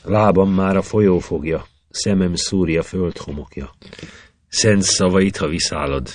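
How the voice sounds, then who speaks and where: A man's voice: sits low, darkish tone, no room sound, lightly acted. A man voicing a trapped young man who pleads and bargains in rhythmic verse. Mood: pleading.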